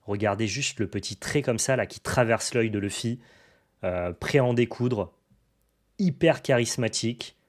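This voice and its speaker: A man's voice: medium pitch, moderate pace. A young adult man showing off his card purchases in a casual, enthusiastic chat to the camera. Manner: enthusiastic, chatty, many fillers and restarts. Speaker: card collecting YouTuber.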